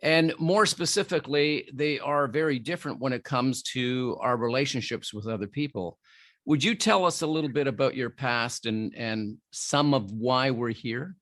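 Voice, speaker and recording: A man's voice: mid-range voice, moderate pace, fairly bright tone, no room sound. A man hosting an interview podcast, talking in a friendly, earnest way with many restarts. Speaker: podcast host.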